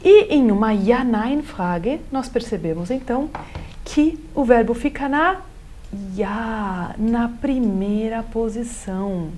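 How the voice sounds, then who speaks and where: A woman with a Brazilian Portuguese accent giving an online German lesson, explaining step by step and saying example sentences slowly. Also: fairly high pitch, a little mellow, a little hiss or hum. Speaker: German teacher.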